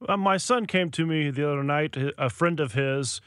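A man in casual radio chat, asking a question in a halting, conversational way. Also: a little high, fairly bright tone, clean tone. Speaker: guest asking the host a question.

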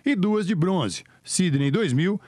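Male Brazilian sports news reader, slightly high voice, close dry sound, scripted delivery. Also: animated, slow, darkish tone, dry recording.

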